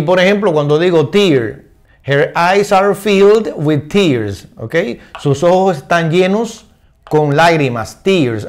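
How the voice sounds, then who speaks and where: An older man explaining English words in Spanish, patient and repetitive, slowing down to read English examples and often checking understanding. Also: on the high side. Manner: reads English examples slowly and deliberately. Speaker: English teacher.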